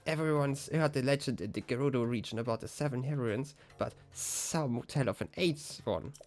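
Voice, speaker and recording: A man reading game dialogue aloud in a disguised deep voice, voicing a flirty, stammering desert man. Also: moderate pace, darkish tone, close to an everyday voice. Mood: bashful. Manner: lowered put-on voice, stammering and bashful.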